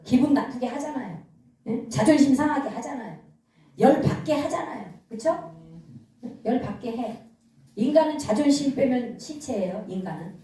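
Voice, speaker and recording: A woman's voice: high-pitched, animated, normal speed, dark tone, heavy reverb, distant mic, rough recording. A woman pastor preaching a sermon, calling out questions to the congregation and answering them herself. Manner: call-and-response preaching, answering her own questions.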